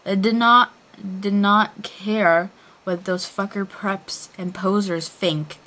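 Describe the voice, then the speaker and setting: A woman's voice: medium pitch, fairly even intonation, takes it slowly, pushed and bright. A woman voicing a lovesick, mournful teenage boy with pleading, overblown theatrical delivery in a story reading. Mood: lovesick declaring.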